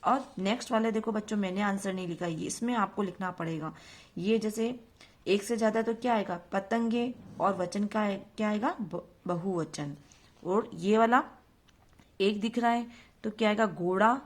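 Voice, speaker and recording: A woman's voice: medium pitch, normal speed. A woman teacher speaks in a patient, repetitive way to young pupils. She asks a question, waits a moment and answers it herself. English words are dropped into her throughout. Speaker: school teacher. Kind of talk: recorded online grammar lesson for young children.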